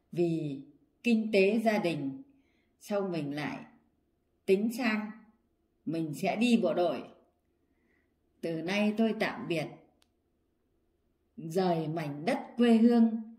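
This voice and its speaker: Slow-reading older woman vlogger. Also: lowish voice, animated, mellow. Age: 60s. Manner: slow reading, often breaking into laughter. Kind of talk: casual vlog, reading her old poems aloud.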